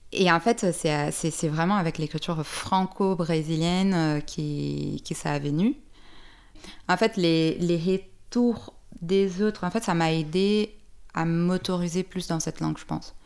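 A woman's voice: lowish voice, takes it slowly, creaky, darkish tone, clear, resonant tone. A woman from Brazil speaking French with a Brazilian Portuguese accent, a poet answering interview questions thoughtfully and hesitantly. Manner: thoughtful, hesitant, many fillers and restarts. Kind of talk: interview conversation.

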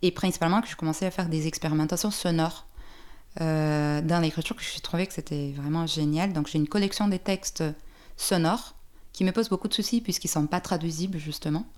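A woman's voice: deep voice, a little fast, a little mellow. A woman from Brazil speaking French with a Brazilian Portuguese accent, a poet answering interview questions thoughtfully and hesitantly. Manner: thoughtful, hesitant, many fillers and restarts. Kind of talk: interview conversation.

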